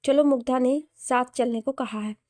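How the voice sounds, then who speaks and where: A woman's voice: sits high, steady tone, normal speed, mellow, dry recording, studio quality, lightly acted. Woman reading as a curt young male boss. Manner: curt and commanding.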